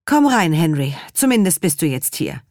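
A brisk middle-aged dance teacher who sounds mock-stern, as a woman reads her, lifting the voice above the plain telling. The storybook recording is close and dry. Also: low voice, very animated, a little mellow, dry recording.

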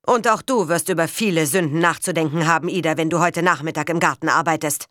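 A woman reading a stern, commanding rural father who scolds and scorns, in a loud, raised voice. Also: fairly high pitch, fast, dry recording, clean studio sound, lightly acted. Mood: stern scolding.

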